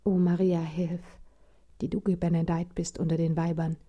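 A woman's voice: lowish voice, flat delivery, normal speed, husky, dull audio. A woman voicing a frightened praying girl. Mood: pleading. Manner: pleading, hushed.

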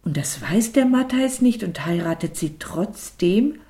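A woman's voice: medium pitch, lively intonation, unhurried, mellow, natural voice. A woman reading an audiobook and voicing a curious, earnest young girl asking questions. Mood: earnest questioning. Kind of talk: audiobook character voice.

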